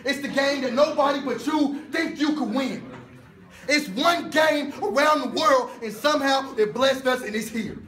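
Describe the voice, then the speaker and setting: A man's voice: very high voice, moderate pace, a bit bright. A young man, a football player, giving an intense pregame pep speech, insistently repeating his phrases. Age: young adult. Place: indoor locker room. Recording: echoey locker room with team noise.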